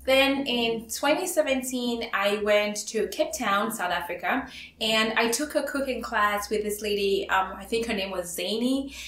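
Speaking from a bright room in her home, a Cameroonian woman in her thirties hosts a cooking tutorial, chatting upbeat and directly to her viewers. Her voice sits on the high side and moves a little slowly.

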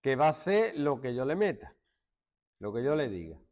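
A middle-aged man from Málaga with an Andalusian accent, teaching a joking classroom lesson and hushing his students. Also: mid-range voice, big pitch swings, normal speed. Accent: Andalusian Spanish. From Málaga, Spain. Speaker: secondary school teacher.

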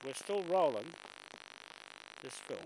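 An older man talks slowly while out of breath, filming himself walking outdoors on a bush stairway. His chat rambles and he keeps clearing his throat. The camcorder audio carries a loud, steady hiss. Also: fairly high pitch. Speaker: vlogger filming a walk. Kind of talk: casual walking commentary. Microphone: handheld camera mic.

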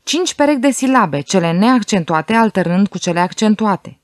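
A woman's voice: medium pitch, lively intonation, dry recording, clean studio sound, natural voice. A woman voicing a male professor who talks urgently as he works out a puzzle. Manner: urgent, quickening speech.

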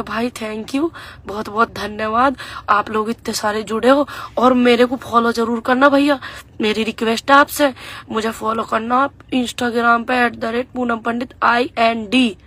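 A woman's voice: fairly high pitch, fairly even intonation, a little slow, fairly bright tone. A young woman talking casually to her followers in folksy village speech. She mixes sarcastic mockery with mock-earnest pleas. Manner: sarcastic, mocking and pleading by turns; folksy, rural turns of speech. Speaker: political vlogger. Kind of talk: casual political commentary to followers.

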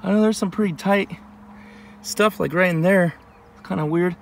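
The channel host, a man in his thirties, gives a relaxed, straightforward review at an outdoor range in a high-sitting voice with vocal fry and a moderate pace. A camera a few steps away does the recording.

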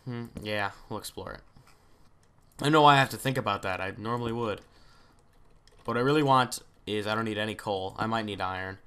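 A man's voice: on the low side, brisk, a bit bright, clean tone. A man hosting a gaming video, chatting casually and thinking aloud as he plays, often trailing off into mutters. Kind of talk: let's play commentary.

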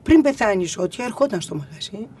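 An older woman singer, a guest in a radio interview, telling stories with many pauses and fillers and dropping to a hush when she quotes others. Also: medium pitch, animated, a little hiss or hum. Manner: hesitant, many fillers, acts out quoted voices in a hushed whisper. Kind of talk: conversational radio interview, storytelling.

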